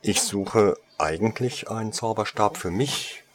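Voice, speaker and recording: Guy reading as a polite young wizard, low calm voice. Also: unhurried, a little hiss or hum, natural voice.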